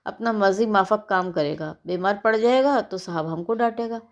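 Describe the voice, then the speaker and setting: A woman's voice: medium pitch, normal speed, close to an everyday voice. A woman voicing a grumbling middle-aged female nanny who speaks broken, ungrammatical Hindi and complains constantly. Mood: fussing grumble. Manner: complaining, fussing.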